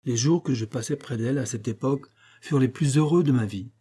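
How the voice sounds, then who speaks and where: A man's voice: medium pitch, brisk, dark tone, slightly rough, natural voice. A man reading an audiobook, voicing a proud medieval king who speaks in imperious, stern pronouncements. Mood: confiding.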